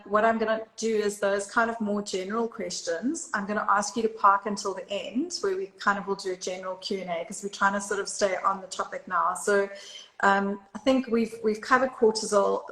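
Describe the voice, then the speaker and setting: A woman hosting a live session, who hedges and fills her pauses as she moves between topics. Her voice carries the echo of a bare room. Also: medium pitch, fairly bright tone. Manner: loose, hesitant, full of fillers. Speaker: host. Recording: echoey room.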